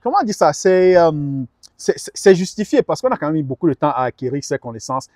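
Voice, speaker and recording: Speaking earnestly as a guest advisor in a conversational interview, a middle-aged man often repeats words while hunting for the next one. His voice is on the high side, very animated, quick, and a little mellow. There is slight background noise.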